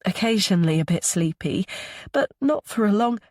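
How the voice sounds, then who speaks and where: A woman reading the part of a young mother, polite but guarded, quick to soften what she says. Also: mid-range voice, expressive, no echo, clean studio sound, voice pushed up, close to an everyday voice.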